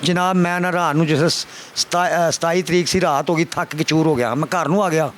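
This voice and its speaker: An older Pakistani Punjabi-accented father tells a reporter his grievance in a fairly high voice, fairly quick and with fairly even intonation. He pleads and repeats himself, often calling the listener sir. The recording carries a little hiss or hum.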